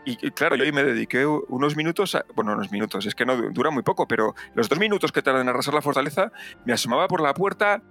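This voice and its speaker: Brief: man in podcast banter, bright forceful voice, lively storyteller, faint music behind. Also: medium pitch, fast. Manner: animated storytelling with acted asides. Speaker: podcast host. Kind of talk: casual chat.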